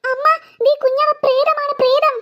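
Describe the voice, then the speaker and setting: A woman's voice: very high voice, little pitch movement, moderate pace, no echo, dull audio. A woman voicing a frightened young girl in a cartoon who stammers and cries out for her mother. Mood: panicked. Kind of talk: cartoon voice acting.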